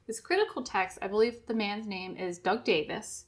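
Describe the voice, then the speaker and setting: A woman co-hosting a podcast in casual chat, giggly and quick, with lots of filler words. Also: medium pitch. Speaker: podcast co-host.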